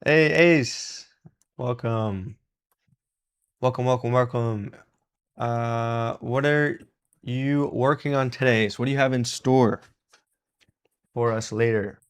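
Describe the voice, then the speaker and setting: A man's voice: mid-range voice, steady tone, slow pace, clean tone. Chatty man hosting a live repair stream. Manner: chatty, laughs often, greets and thanks viewers. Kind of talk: casual live-stream chat while soldering.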